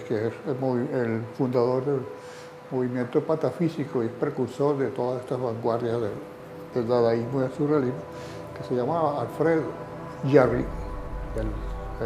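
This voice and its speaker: A man interviewed for a documentary explains things slowly and hesitantly, with many fillers. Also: mid-range voice. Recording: roomy interview audio.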